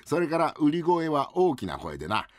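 A man voicing a bossy older uncle who runs a greengrocer, scolding in rough old-fashioned speech, in rakugo storytelling. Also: on the high side, very animated, normal speed, no room sound, clean studio sound, voice pushed up.

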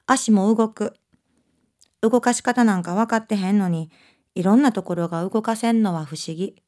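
A woman with an Osaka accent reading aloud as an introspective young girl writing in her diary, in a quiet, measured way. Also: mid-range voice, lightly acted.

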